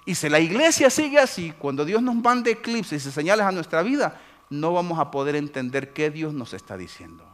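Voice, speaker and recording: A man, preaching a lively sermon as pastor and acting out his congregation's excuses. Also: fairly high pitch, normal speed. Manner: animated, mimics churchgoers' excuses.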